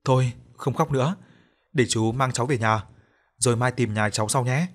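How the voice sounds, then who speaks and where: Kind young guy calming a scared kid, narrator doing a soft reassuring voice. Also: medium pitch, moderate pace, lightly acted. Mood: soothing. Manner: soothing.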